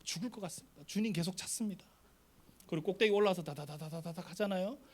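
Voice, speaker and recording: A man's voice: sits high, fast talker. A middle-aged man, a pastor, telling a story in a sermon to a youth retreat and acting out the voices.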